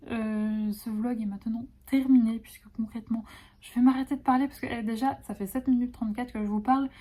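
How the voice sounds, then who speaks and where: A woman with a rather high, mellow voice talks casually to her viewers about pieces she drew herself. She gushes with affection and piles on sweet little words, with frequent hesitations and fillers. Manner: gushing and affectionate, full of diminutives and fillers. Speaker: illustrator presenting her own collection. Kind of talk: casual vlog chat.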